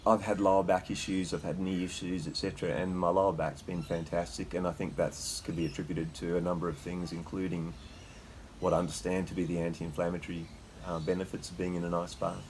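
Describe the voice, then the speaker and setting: Low-voiced Australian man, slightly shivering. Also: darkish tone, a little hiss or hum. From Queensland, Australia. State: slight shiver in the voice from sitting in icy water. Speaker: host. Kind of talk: casual unscripted talk. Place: sitting in a freezer full of icy water.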